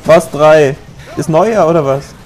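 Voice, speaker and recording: A young man casually commenting on his gameplay, chatting, joking and yelling at the game now and then. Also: fairly high pitch, unhurried, slight background noise. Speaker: let's play gamer.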